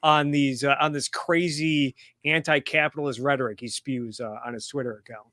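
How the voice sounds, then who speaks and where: A man's voice: mid-range voice, fairly even intonation, moderate pace, pushed and bright, no room sound. A man hosting a casual political chat, blunt, reading out tweets. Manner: blunt, reads tweets aloud. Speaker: host.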